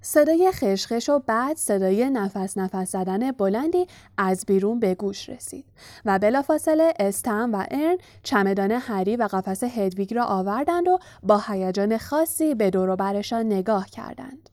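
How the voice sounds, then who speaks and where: A woman narrating a storybook in a calm, even reading voice. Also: medium pitch, no echo, studio quality. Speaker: audiobook narrator.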